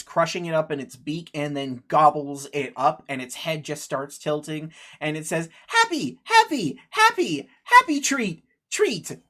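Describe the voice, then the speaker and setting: A woman narrating as game master of a tabletop game, correcting herself as she goes. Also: low voice. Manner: unhurried, lively narration with self-corrections.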